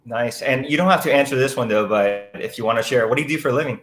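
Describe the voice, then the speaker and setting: A man's voice: medium pitch, fast talker, a bit bright. A man co-hosting a casual chat, easygoing and joking as he runs the questions. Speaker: co-host.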